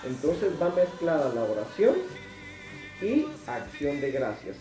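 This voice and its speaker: A man's voice: a little high, big pitch swings, slow, mellow, echoey room, far from the mic, faint music behind, low-quality recording. A man teaching a Bible sermon in an emphatic way, repeating words for stress. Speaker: preacher.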